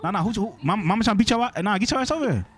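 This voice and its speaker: A man's voice: high voice, expressive, rapid-fire. A man talking in profane slang, improvising a casual street role-play chat.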